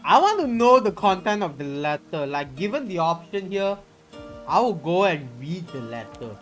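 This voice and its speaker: Very animated and a bit bright, a man with a high voice talks at a normal pace while hosting a casual game livestream. He gives story text a dramatic reading and comments informally with mild swearing, music sounding behind him.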